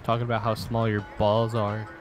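A man's voice: on the low side, completely flat delivery, brisk, over music. A man chatting casually while gaming, teasing and swearing. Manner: profane, teasing. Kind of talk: casual gaming banter in voice chat. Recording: noisy game voice chat, clicks.

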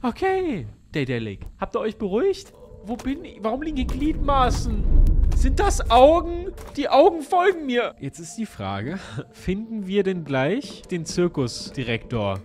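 A man's voice: very high-pitched, very animated, a little slow, noisy background. A man commentating a horror game in a let's-play, jumpy and jokey, yelping and exclaiming often. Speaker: gamer. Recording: voice over game music.

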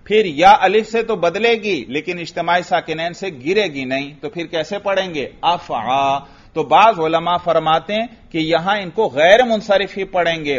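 Pakistani male grammar teacher, a bit high-voiced, drills his class with his own questions and answers, muffled lo-fi sound. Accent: Pakistani Urdu. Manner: asks students questions and answers them himself, often adds "bhai"; recites Arabic text slowly in a chanting tone. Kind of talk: classroom lecture.

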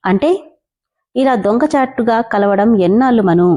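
A woman's voice: a little high, moderate pace, a little mellow, natural voice. A woman voicing a playful young man in love who teases and then coaxes his girlfriend. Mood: coaxing. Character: young man in love, teasing, boastful but doting.

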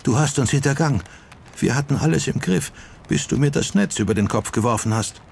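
A man's voice: mid-range voice, animated, brisk, creaky, slight background noise, voice pushed up. A man voicing a defiant young woman ghost hunter who snaps sharply at the people around her, in an audiobook reading. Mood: angry. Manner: sharp, snapping.

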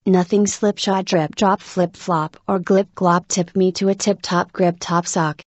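A woman reading scripted tongue twisters aloud with careful, deliberate articulation. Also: fairly low pitch, steady tone, dry recording, lo-fi sound.

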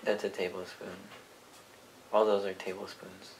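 A man's voice: deep voice, level tone, unhurried. A young man helping in a home kitchen. He reads out recipe steps in a matter-of-fact, lightly teasing way. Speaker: cooking helper. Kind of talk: casual chat, reading recipe steps. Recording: echoey kitchen, distant camera, noisy.

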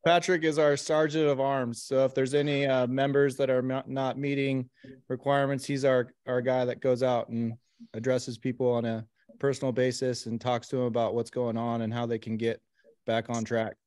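A man hosting an online co-op meeting as vice president, talking in a relaxed, halting way with fillers over a video call. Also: medium pitch, clean tone, dry recording, studio quality.

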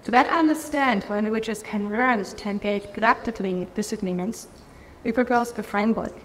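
A woman's voice: mid-range voice, a little fast, a little hiss or hum. A woman from Germany presenting a research framework at a lectern in a large conference hall, careful and often restarting her phrases. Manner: careful, with frequent restarts and fillers. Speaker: keynote speaker. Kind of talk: conference keynote lecture. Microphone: lectern microphone. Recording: reverberant hall, faint ambience.

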